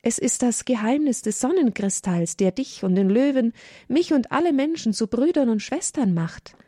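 A brave little hare speaks up in a high, firm, earnest voice, as a woman reading the story puts him on. The tone is mellow and slightly husky, in a dry, close sound. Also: animated, moderate pace, no room sound.

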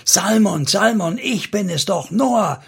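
A man's voice: lively intonation, normal speed, a bit bright, slightly rough, full character voice. A man voicing a desperate pleading young woman. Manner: high, pleading, tearful.

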